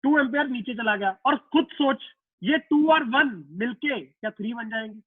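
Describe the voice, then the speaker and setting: Casual male physics teacher with a very high voice, dry, tinny line, talking through a circuit problem with his class. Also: moderate pace, no room sound. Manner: repeats himself and voices students' questions to himself; casual, addresses students as "beta" and "yaar". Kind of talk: online class lecture.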